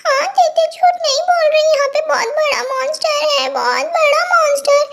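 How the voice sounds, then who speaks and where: Brief: woman voicing very high, shrill girlish young woman, childish and dramatic, whiny, fan fiction dub. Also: normal speed, heavy background noise. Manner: calls herself by her pet name, whiny and wailing.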